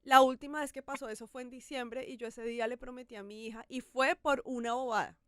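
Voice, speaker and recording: Lady hosting a podcast, high smooth voice, chatty and open, dry close mic. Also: fairly quick, no room sound. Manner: candid, animated, acts out her own shouting. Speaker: podcast host. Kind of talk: casual podcast conversation.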